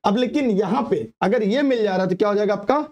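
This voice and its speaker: A man's voice: sits high, quick pace, darkish tone. A man teaching a grammar lesson for exam prep, asking questions and answering them himself. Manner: quizzing, asks and answers own questions.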